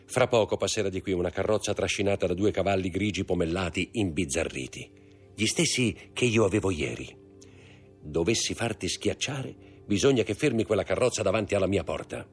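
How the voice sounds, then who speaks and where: A man's voice: low-pitched, husky, faint music behind. A man voicing a composed, enigmatic wealthy nobleman who speaks courteously and measuredly for an audiobook. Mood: commanding. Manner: courteous, measured, commanding to servants. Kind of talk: audiobook character voice.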